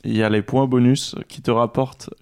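A man's voice: mid-range voice, little pitch movement, a little fast, darkish tone, clean tone. Playful young man hosting a quiz. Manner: laughs often, playful quizmaster tone. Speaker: podcast co-host running a quiz game. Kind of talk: casual chat.

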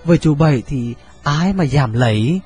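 Một người đàn ông đọc truyện, đóng vai quan huyện lễ phép với mẹ, nói ngập ngừng, giọng miền Trung. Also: male voice, on the high side, expressive, normal speed, a little mellow, lightly acted. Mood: deferential. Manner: hesitant, full of fillers. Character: district mandarin son, deferential and scheming.

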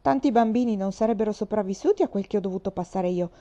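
Speaking at a quick pace in a medium-pitched, dark voice, a woman plays a brash, defiant orphan girl around twelve years old who is tough and boastful. The acting is light, and the lo-fi recording sounds slightly dull.

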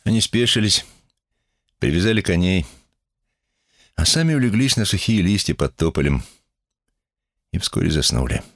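A man reading an audiobook as narrator in an expressive, measured way. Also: deep voice, no room sound, studio quality. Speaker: audiobook reader. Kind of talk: scripted narration.

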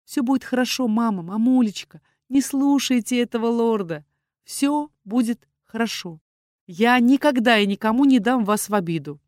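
A woman's voice: fairly high pitch, expressive, normal speed, darkish tone, dry recording, studio quality, pitched above the performer's own voice, close to an everyday voice. Woman playing a fiery, indignant young heroine. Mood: comforting. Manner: indignant, proud, raised voice. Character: fiery young woman defying a dragon lord.

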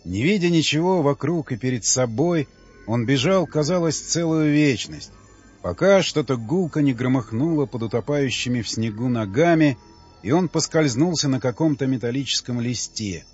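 A man narrating an audiobook in a measured, even reading with a husky voice. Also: mid-range voice. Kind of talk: scripted narration. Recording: dull, dry studio sound with faint music.

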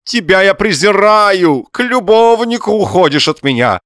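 A man voicing a pompous, self-pitying middle-aged husband who whines in a high, nasal, drawn-out declaiming voice. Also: lively intonation, fairly bright tone, no echo, studio quality. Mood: theatrical lament.

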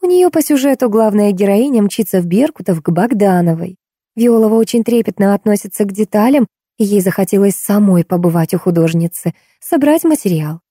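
A woman's voice: mid-range voice, expressive, a little fast, mellow, slightly rough, dry recording, studio quality, pitched above the performer's own voice. Woman reading a weary, exasperated companion. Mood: patient. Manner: patient, then exasperated. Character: weary middle-aged woman soothing her hothead companion.

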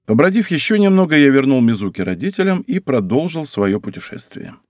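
A man reading a first-person audiobook in a wry, measured way. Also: medium pitch, big pitch swings, darkish tone, no room sound, studio quality. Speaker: narrator.

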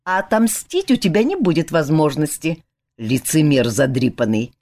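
A woman reading a hungover young king who snaps sarcastically, his voice jumping high when outraged. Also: expressive, moderate pace, darkish tone. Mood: irritable, sarcastic. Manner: bitter, snapping, rises high in outrage.

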